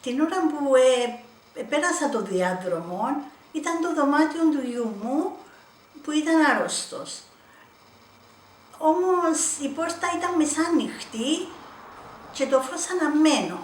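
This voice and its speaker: A woman's voice: high-pitched, lively intonation, long pauses. A middle-aged woman with a Cypriot Greek accent, giving a personal church testimony with emotional, hesitant storytelling. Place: church hall. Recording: echoey room, distant mic, faint noise.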